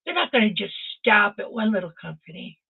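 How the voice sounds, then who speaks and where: A woman's voice: mid-range voice, sing-song, brisk, creaky, breathy edge. An older woman hosting a stream and giving an impassioned motivational talk over a video call, urging her listeners on directly. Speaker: host. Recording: tinny phone-like video call audio.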